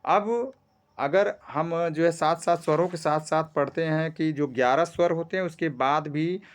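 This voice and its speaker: A man teaching a grammar lesson, explaining step by step, often checking in with "theek hai" and stretching vowels to demonstrate sounds. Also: on the high side. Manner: explains slowly with frequent "ठीक है" checks.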